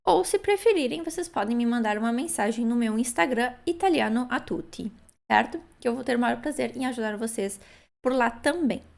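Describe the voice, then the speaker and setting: A woman from Brazil, teaching Italian pronunciation and slowly drawing out model words, checking in with "né?" and "ok?". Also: a little high, lively intonation, gravelly. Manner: slow, drawn-out model pronunciations with frequent "né?" and "ok?". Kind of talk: language lesson on pronunciation.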